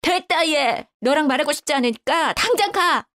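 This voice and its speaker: A woman's voice: mid-range voice, very animated, normal speed, no echo, studio quality, natural voice. A woman voicing a grumbling older widowed mother-in-law who talks bluntly and reproachfully. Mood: indignant.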